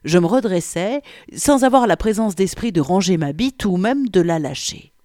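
A woman's voice: medium pitch, expressive, moderate pace, mellow, dry recording. A woman reading a first-person story as an audiobook narrator, with wry, vivid storytelling on a close microphone.

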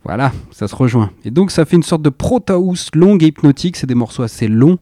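Chatty, dark-voiced male radio host. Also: on the high side, lively intonation, a little fast, no room sound, studio quality. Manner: chatty and enthusiastic, with laughing asides and slangy phrasing. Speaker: radio music show host. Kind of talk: casual chat presenting records.

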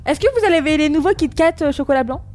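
A woman's voice: sits high, fast talker, a little mellow, soft background music. A woman taking part as a player in a live mystery game, talking in a bubbly, eager way. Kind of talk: casual play.

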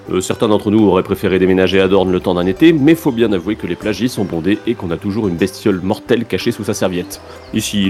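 A man's voice: lowish voice, darkish tone. A man hosting a podcast in casual chat, hesitant, with many filler sounds and restarts. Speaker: podcast host.

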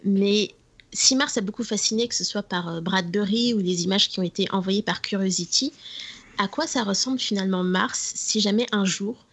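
A woman's voice: medium pitch, normal speed, a bit bright, husky. A woman hosting a radio science interview, introducing guests and asking curious questions. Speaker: host.

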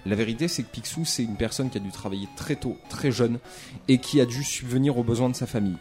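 A man's voice: medium pitch, fast, darkish tone. Enthusiastic male co-host, chatty, faint background music. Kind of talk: enthusiastic casual chat.

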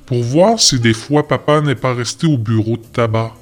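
Man reading a sneaky little kid, dodgy quick answers, soft guitar. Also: medium pitch, lightly acted. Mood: evasive. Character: evasive small boy, sly and innocent-sounding.

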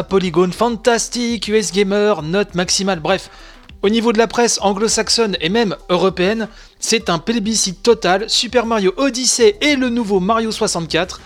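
A fairly bright, high-pitched male voice belongs to a married adult hosting a video game news show. His spoken press review is casual and opinionated, with many fillers and asides.

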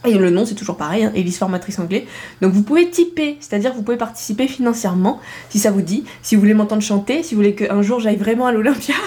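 A woman's voice: medium pitch, expressive, quick pace, mellow. Playful woman teaching English, laughing often. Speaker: English teacher and podcast host. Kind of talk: casual podcast lesson.

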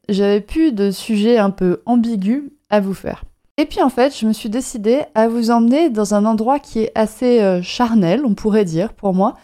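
Mellow-voiced chatty woman podcaster. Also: fairly high pitch. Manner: chatty, upbeat, humorous, with frequent fillers. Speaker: podcast host. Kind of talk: solo podcast talk.

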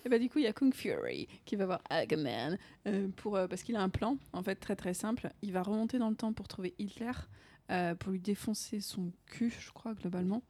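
A woman's voice: mid-range voice, animated, fairly quick, a little mellow. A woman co-hosting a casual podcast chat, hesitant and giggly with many fillers. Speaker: podcast co-host.

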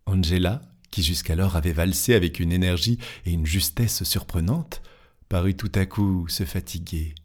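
A man reading a classic fantastic tale aloud in a measured, expressive way, lingering over descriptions. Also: sits low. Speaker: narrator.

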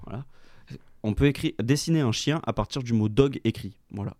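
A man's voice: medium pitch, a little fast, darkish tone, dry recording, studio quality. A man co-hosting a casual podcast, bantering and teasing his friends with a jokey manner. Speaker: podcast co-host.

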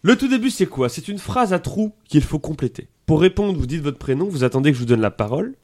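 A man with a somewhat high, very lively voice runs a comedic podcast game show. He reads rules and prize details with playful, jokey asides. His pitch swings widely as he teases the players. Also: quick pace, faint music behind.

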